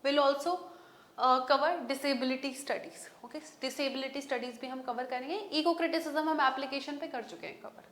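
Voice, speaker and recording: A young Indian woman teaching an exam-prep lecture in Hindi and English. She dictates English terms slowly, races through Hindi asides and keeps saying "okay.". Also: sits high, fairly even intonation, echoey room.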